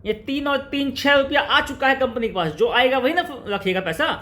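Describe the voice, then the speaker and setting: A man teaching company accounts, repeating key terms slowly and firing rhetorical questions at his students. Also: very high voice, bright, forceful tone. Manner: repetitive, drilling, slows right down to spell out key terms. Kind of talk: classroom-style lecture in Hindi-English mix.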